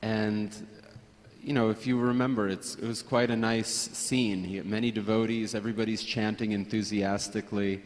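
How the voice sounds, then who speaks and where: A man's voice: lowish voice, little pitch movement, normal speed. A man at a memorial gathering, telling affectionate anecdotes about a friend and chuckling as he remembers. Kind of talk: reminiscing anecdotes. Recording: long reverb.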